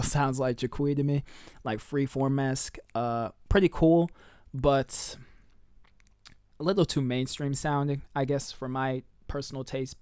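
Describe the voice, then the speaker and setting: A man's voice: mid-range voice, darkish tone, smooth, no room sound, clean studio sound. A young man giving casual, slangy commentary as he ranks tracks, with lots of fillers and trailing sentences. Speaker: music reviewer.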